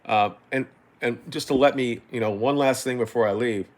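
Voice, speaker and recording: A middle-aged man giving an unscripted football opinion rant as a fan, rambling and halting, exasperated, doubling back on himself and swearing. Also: medium pitch.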